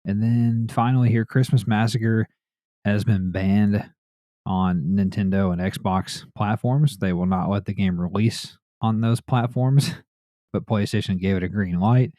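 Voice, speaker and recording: A man's voice: on the low side, steady tone, unhurried, mellow, no echo, clean studio sound. A man hosting a gaming news podcast, reading headlines and chatting casually in a laid-back way. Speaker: podcast host.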